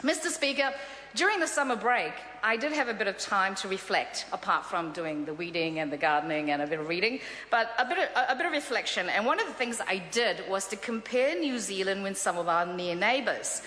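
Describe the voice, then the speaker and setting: Her voice is medium in pitch, brisk, bright and forceful as this middle-aged member of parliament from South Korea, a native Korean speaker, gives an upbeat speech peppered with filler sounds. The setting is a large chamber, and the audio echoes with long reverb.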